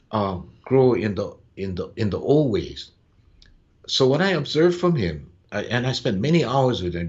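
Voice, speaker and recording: Low-pitched and in no rush, an older man from Hawaii shares stories as a podcast guest; he's a farmer and business owner. He often stops on "uh" and tags remarks with "yeah?" The recording is dull and lo-fi.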